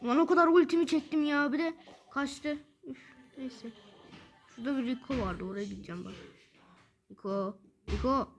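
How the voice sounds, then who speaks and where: A woman giving excited live gameplay commentary as a gaming video creator. She gets frustrated quickly and fires off repeated words in bursts. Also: high-pitched.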